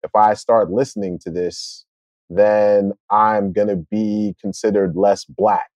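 Relaxed, lower-voiced male co-host. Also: takes it slowly, dry recording. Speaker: podcast co-host. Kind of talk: casual chat.

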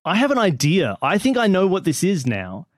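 A man on a comedy panel game, telling rambling, animated stories. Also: high voice, normal speed, no echo, studio quality. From Australia.

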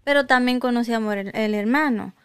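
Smooth higher-voiced woman telling a story. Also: a little fast, a bit bright. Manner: hesitant storytelling, mixes in English words. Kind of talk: casual chat.

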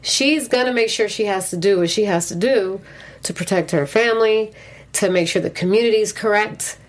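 Woman co-hosting a TV recap chat. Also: mid-range voice. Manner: animated, quick to react with affirmations and laughs. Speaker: co-host of a TV after-show. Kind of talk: casual chat, episode recap.

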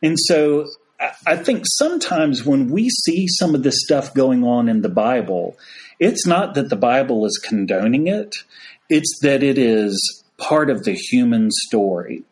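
A man's voice: mid-range voice, expressive, measured pace. A man, a priest as podcast guest, telling a story in a casual folksy way. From United States. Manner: folksy storyteller, frequent "y'all".

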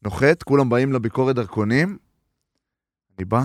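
Man, podcast co-host, casual banter, mid pitch, dry studio sound. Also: dry recording. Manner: relaxed, joking banter. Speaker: podcast co-host, former basketball player. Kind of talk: casual chat. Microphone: studio mic.

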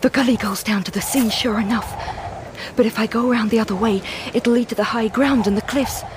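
A woman's voice: fairly high pitch, brisk, noisy background, lightly acted. A woman playing a frightened, resolute young woman. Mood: tense. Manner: breathless, urgent inner narration. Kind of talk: radio drama acting.

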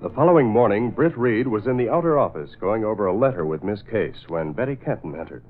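Brief: formal male radio narrator, low, old broadcast lo-fi. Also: fast talker. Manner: formal and steady. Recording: tinny old radio with music.

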